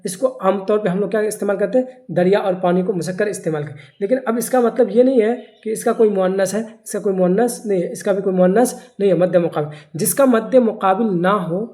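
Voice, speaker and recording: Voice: mid-range voice, dark tone. Teacher drilling grammar through questions. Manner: asks the class questions and answers them himself; repeats key words slowly for drilling. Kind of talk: grammar lesson.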